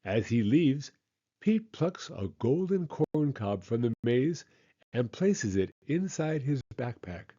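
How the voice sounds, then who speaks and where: A man reading a children's picture book aloud with expressive, measured storytelling. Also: mid-range voice, slightly rough, dull audio.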